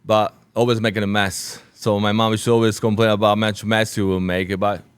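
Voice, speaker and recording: A man in his forties from Sicily, a restaurant owner being interviewed, speaking halting English with a Sicilian Italian accent and many restarts. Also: on the low side, little pitch movement, smooth, dry recording. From Sicily, Italy. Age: 40s. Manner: halting non-native English with frequent restarts.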